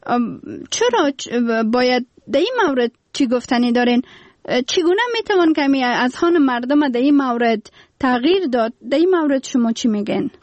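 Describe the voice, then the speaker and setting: A woman interviewer speaking with an Afghan Dari accent, recorded close in a dry, dead studio sound. Her voice sits a little high, and she asks her questions with some halting and fillers. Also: animated, no echo. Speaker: radio interviewer. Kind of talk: radio interview.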